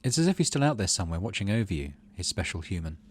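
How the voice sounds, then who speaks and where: Speaking very fast in a deep voice with a breathy edge, a man narrates video game story text expressively, with a dramatic storybook style and casual asides. There's no room sound.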